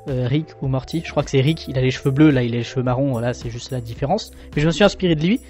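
A young man from France flipping through his sketchbook in a relaxed, self-mocking way, with lots of fillers. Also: medium pitch, racing, faint music behind. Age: young adult. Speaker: artist showing his sketchbook. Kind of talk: casual commentary.

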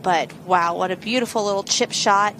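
A woman's voice: mid-range voice, normal speed. A woman giving live golf commentary as an analyst, explaining shots in a conversational way. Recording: outdoor course ambience noise behind voice.

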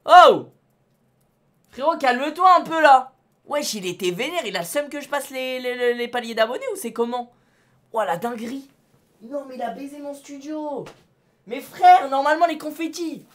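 A young man streaming live from his studio, talking to his chat in slangy, excitable bursts and shouting when things go wrong. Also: extremely high pitch, normal speed.

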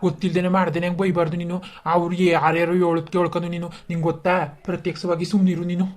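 A woman's voice: lowish voice, flat delivery, racing, darkish tone, pitched below the performer's own voice, natural voice. A woman voicing a grown son in a cartoon who mildly reproaches his wife. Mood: reproachful.

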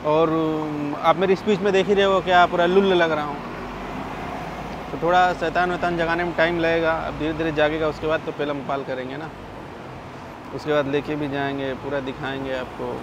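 A man filming a travel vlog, walking a busy outdoor street and making crude jokes about what he sees. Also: on the high side. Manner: crude joking street commentary. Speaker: travel vlogger. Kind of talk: casual walking vlog commentary. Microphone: handheld camera. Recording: street noise.

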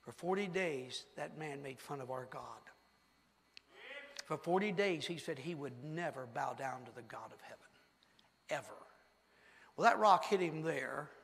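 A man preaching a sermon, telling a story with animated delivery, acting out scenes and asking the congregation questions. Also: on the high side, vocal fry. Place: church sanctuary. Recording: long reverb of a church hall.

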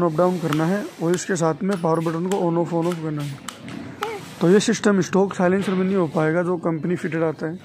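Young man, high voice, casual vlog talk, phone held at arm's length, roomy echo. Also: a little mellow, slight background noise. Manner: chatty, explaining step by step to viewers. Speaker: vlogger. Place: room in a home, indoors. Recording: roomy echo from a bare room.

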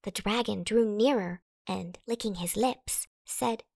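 A woman narrating a children's rhyming storybook with an expressive, dramatic storytelling delivery. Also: mid-range voice, a little slow, gravelly, no echo. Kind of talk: expressive children's read-aloud in rhyme.

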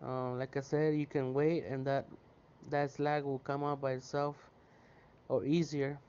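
Male welder vlogger, easygoing chatty delivery, warm and smooth, muffled camera sound. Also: mid-range voice, a little slow. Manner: relaxed, chatty, lots of "you know". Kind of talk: casual how-to narration. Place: outdoor welding yard.

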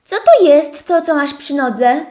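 Woman doing a squeaky eager little toy sheep, high and bouncy, kids' storybook. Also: lively intonation, slow. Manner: eager, cheerful, shouting calls. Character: sweet little toy sheep that keeps getting lost. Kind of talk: children's audio story.

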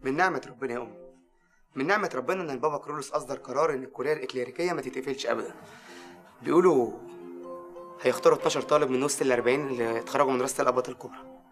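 A man's voice: mid-range voice, racing, pauses often, over music, close to an everyday voice. An actor playing a devout young man with an Egyptian accent, just graduated, earnest and affectionate with his mother. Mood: hopeful. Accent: Egyptian Arabic. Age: young adult. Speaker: son, new graduate.

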